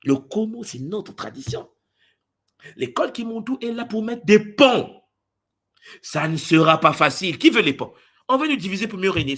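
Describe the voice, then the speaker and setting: Husky, fervent man teaching spiritual followers. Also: fairly bright tone. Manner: swings from booming exclamations to low intimate asides; acts out voices of others in quick asides. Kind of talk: impassioned spiritual address to followers.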